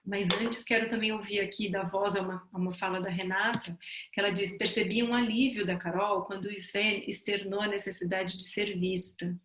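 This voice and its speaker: A woman tutor teaching a seminar on empathic listening, speaking gently and reflectively, explaining things slowly. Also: mid-range voice, fairly even intonation, echoey room, slight background noise.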